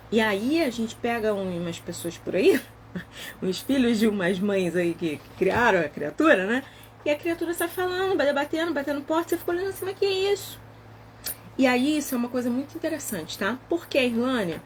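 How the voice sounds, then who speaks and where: A woman talking casually in a book club discussion, acting out quoted dialogue with lively emphasis. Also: fairly high pitch, a little hiss or hum. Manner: animated, acts out quoted dialogue. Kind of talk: casual chat.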